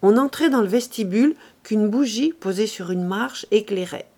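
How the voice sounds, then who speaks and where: This audiobook reader is a woman narrating a classic novel; her voice sits at a medium pitch and she reads with measured expression.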